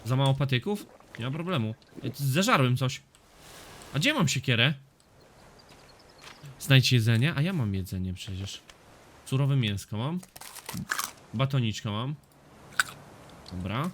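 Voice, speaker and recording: Swearing excitable gaming commentator, man. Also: medium pitch, a little slow, pauses often, noisy background. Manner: swears often, excitable reactions to the game. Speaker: gaming YouTuber. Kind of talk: casual let's-play commentary.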